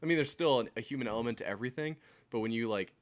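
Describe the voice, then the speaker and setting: A man's voice: medium pitch, racing. A man hosting a casual sports podcast in a studio, rambling with lots of hedging and fillers. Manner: rambling, hedges with "like", laughs while talking. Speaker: podcast host.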